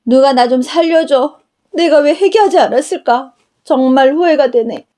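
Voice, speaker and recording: A woman's voice: high-pitched, moderate pace, dark tone, close to an everyday voice. A woman crying out as a tormented soul in hell. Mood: desperate pleading. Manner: desperate, pleading, wailing.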